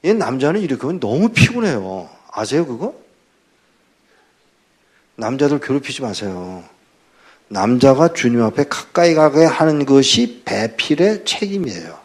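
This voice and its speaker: Older husky pastor telling a story. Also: male voice, medium pitch, normal speed. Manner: animated storytelling, acting out dialogue. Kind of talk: testimony sermon.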